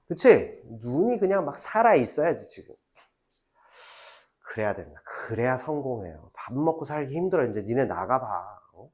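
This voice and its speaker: A middle-aged man teaching a high school literature class, chatty and animated, acting out quoted lines in between. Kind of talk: lecture to high school students.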